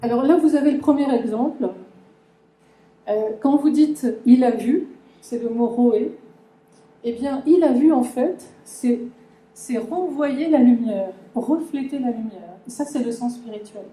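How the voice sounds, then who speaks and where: A woman's voice: on the high side, measured pace, warm tone. Hesitant woman lecturing in an echoey room. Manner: hesitant, many fillers and restarts, addresses audience directly. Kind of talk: conference talk explaining a language.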